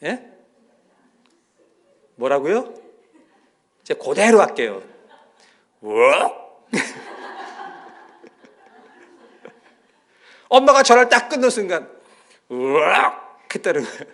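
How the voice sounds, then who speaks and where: Slow and full of long pauses, this high-pitched man preaches as pastor in a church sanctuary. He tells stories in an animated way, acting out the voices of the people in them.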